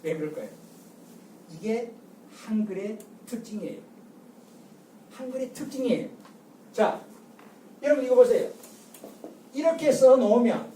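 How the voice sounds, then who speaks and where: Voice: mid-range voice, dark tone. An older lecturer giving a public talk, drilling the audience with call-and-response and repeated rhetorical questions. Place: lecture room. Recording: echoey lecture room from far off.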